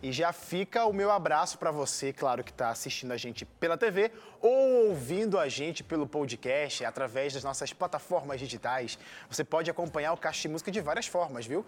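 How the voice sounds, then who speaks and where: A man's voice: on the high side, lively intonation, fairly quick, hardly any pauses. A man with a Carioca accent from Rio, presenting a music show in a conversational style. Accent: Carioca Brazilian Portuguese. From Rio de Janeiro, Brazil.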